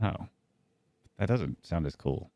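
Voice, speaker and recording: A man's voice: low-pitched, animated, slow, warm tone, dry recording. A man with a slight lisp co-hosting a casual chat show, rambling and joking. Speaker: co-host.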